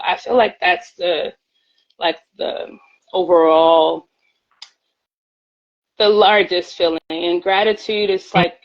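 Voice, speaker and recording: A woman singer, appearing as a guest in a casual live-stream chat, talks earnestly and often repeats her words. Her medium-pitched voice comes through a phone with the highs cut off, and she's at home beside her pantry.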